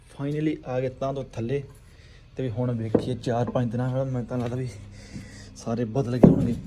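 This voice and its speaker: A man with a Punjabi accent vlogging in casual, earthy chat, exclaiming often and repeating himself. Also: mid-range voice. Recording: noisy, birds and ambient sound. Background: pigeons and ambient noise.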